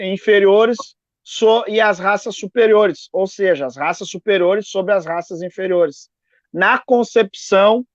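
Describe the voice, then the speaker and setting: A man's voice: sits high, no room sound. Earnest man on a live call. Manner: earnest, repeats words, frequent "né?". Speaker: activist guest. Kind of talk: live video interview. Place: home in a neighbourhood. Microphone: video call. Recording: dull lo-fi stream audio.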